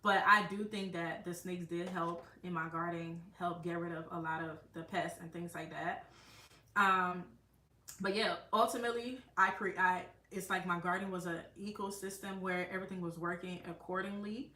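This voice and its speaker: A woman's voice: lowish voice, steady tone, normal speed, bright, forceful tone, recorded from a distance. A woman hosting a live gardening stream, chatting casually with lots of fillers and restarts. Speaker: gardening channel host. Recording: roomy sound from away from the mic.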